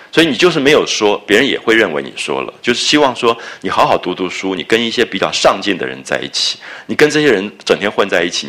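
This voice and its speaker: A man explains a classic novel in a relaxed lecture. His tone is bright and ringing, and his pitch swings widely as he talks. He circles back over his own phrases and keeps asking his listeners rhetorical questions. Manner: conversational, repeats phrases, asks the audience rhetorical questions.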